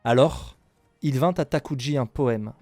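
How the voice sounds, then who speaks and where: A man narrating a tabletop role-playing game as game master, improvising dramatically with suspenseful pauses. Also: medium pitch, a little mellow, dry recording, soft background music.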